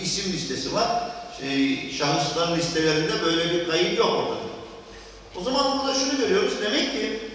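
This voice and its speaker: A man's voice: high-pitched, fairly bright tone. A man preaching a sermon at a pulpit microphone, quoting scripture in Arabic and explaining it. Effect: speaking at a pulpit microphone. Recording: echoey hall from far off, faint background noise.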